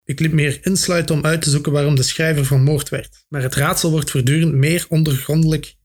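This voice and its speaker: Fearless young hero in an audiobook by a man, brisk, curious, husky voice. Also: a little high, steady tone. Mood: confident. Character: bold young male adventurer, fearless and curious.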